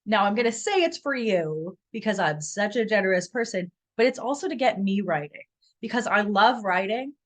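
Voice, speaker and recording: A woman's voice: mid-range voice, expressive, normal speed. A woman in her thirties, a writing coach giving a casual, playful video lesson with self-mocking asides. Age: 30s.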